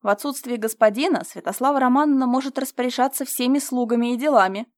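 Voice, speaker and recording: A woman's voice: on the high side, fast talker, natural voice. A woman voicing a stern, protective male butler who speaks curtly and menacingly, in an audiobook. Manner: curt and menacing.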